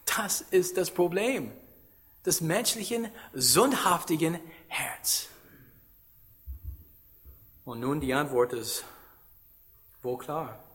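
Slow, bright-voiced male preacher. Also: fairly high pitch, expressive. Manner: emphatic, rhetorical questions, non-native German with grammar slips. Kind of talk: sermon.

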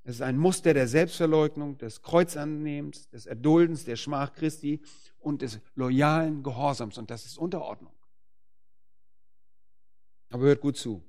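A man preaching a sermon with emphatic delivery, slowing down and rising to forceful peaks to stress key words. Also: a little high.

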